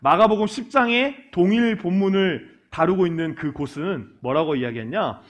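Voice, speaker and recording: Very high-voiced animated male pastor. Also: normal speed. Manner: lively, asks the congregation questions and acts out quoted lines; joking asides. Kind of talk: sermon to a youth congregation.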